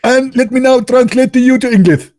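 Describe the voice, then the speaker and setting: A man voicing a mock-pompous male preacher who reads out news in a sing-song, drawn-out way. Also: extremely high pitch, a little mellow, dry recording, studio quality, voice pushed up. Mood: mock solemn.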